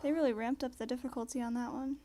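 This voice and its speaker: A woman's voice: fairly high pitch, steady tone, quick pace, heavy background noise. A woman giving casual, informal gameplay commentary as a streamer, with some swearing. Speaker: game streamer. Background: game music.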